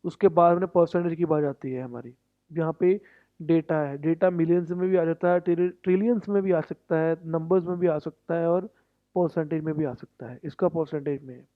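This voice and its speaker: A man coaching students for an English test, explaining in a lesson and switching between Hindi and slow, deliberate English. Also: a little high, fairly even intonation, dry recording. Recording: tinny phone-like sound, dry.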